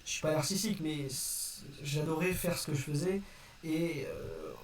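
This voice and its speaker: A man's voice: on the high side, normal speed. A young man giving a casual, unscripted explanation to his viewers in a hesitant, apologetic, self-correcting manner. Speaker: video creator addressing viewers. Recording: distant roomy mic with faint noise.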